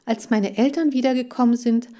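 A woman's voice: fairly high pitch, fairly even intonation, fairly quick, warm tone, pitched above the performer's own voice, close to an everyday voice. A woman reading a children's audiobook, voicing an agitated, tearful girl who cares for farm animals. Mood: distressed. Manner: agitated, pleading, raised voice.

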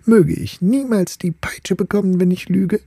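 A man's voice: normal speed, dark tone, husky, dry recording, studio quality. Man doing an eager, boastful spinning-top suitor. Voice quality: high, pushed-up storybook voice. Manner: earnest and self-praising. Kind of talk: fairy-tale reading.

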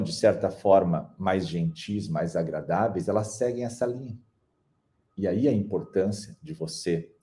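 A man giving a calm, measured motivational talk, pausing slowly for emphasis. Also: low-pitched. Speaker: speaker on personal development.

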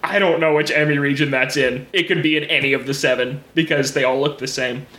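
A man's voice: a little high, fairly even intonation, brisk, sharp tone, roomy sound. A man guest on a podcast, talking casually and eagerly about a video game.

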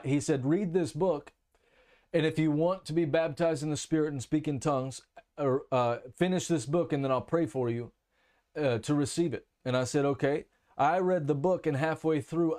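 Delivering a sermon, this preacher shares his personal testimony in an open, chatty manner full of fillers and false starts. His voice is fairly high-pitched with a darkish tone.

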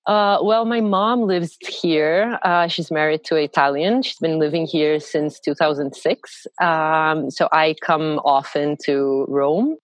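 A woman from Brazil, a podcast guest in casual chat who pauses thoughtfully to search for words. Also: low voice, steady tone, no echo.

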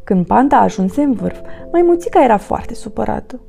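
Expressive woman reading a children's story. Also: a little high, gravelly. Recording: faint background music.

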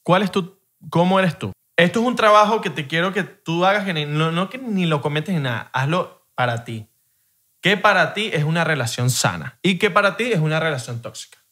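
A man's voice: on the high side, a little fast. A young man with a Venezuelan accent and a slightly raised voice talks casually. He tells his stories in slang and with lots of energy. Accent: Venezuelan Spanish. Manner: slangy, animated storytelling. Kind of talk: casual chat.

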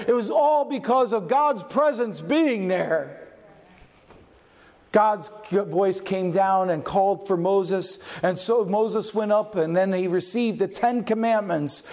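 A pastor preaching a sermon, asking his congregation questions and varying his pace and loudness for emphasis. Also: high voice. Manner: asks the congregation questions and answers them.

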